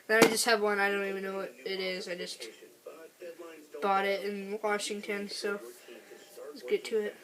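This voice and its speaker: A woman speaking casually and haltingly in an unscripted amateur vlog, a bit sick with a cold. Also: medium pitch, flat delivery, crowd noise, poor audio. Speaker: amateur vlogger testing duck calls.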